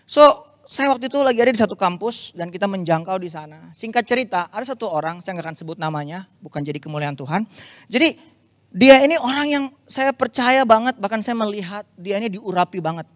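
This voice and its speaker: A man with a notably high voice preaches to a youth service, telling a personal story in a lively, confessional way. He sprinkles English phrases through his talk. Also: fairly quick, dry recording. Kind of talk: storytelling sermon.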